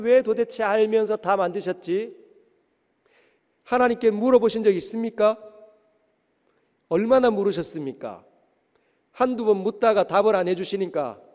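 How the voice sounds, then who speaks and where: A man's voice: sits high, a little mellow. A male pastor preaching a sermon, asking the congregation one rhetorical question after another. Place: church sanctuary. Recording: long reverb of a church sanctuary.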